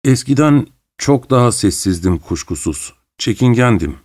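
A man reading an audiobook, voicing a fawning middle-aged widower who speaks in a shrill, affected, theatrical way. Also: big pitch swings, normal speed, a little mellow, breathy edge. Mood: hurried. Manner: gushing, theatrical, overly familiar.

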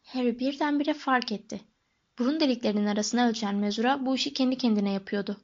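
Woman, audiobook narration, even measured storytelling, fairly high voice, dull lo-fi sound.

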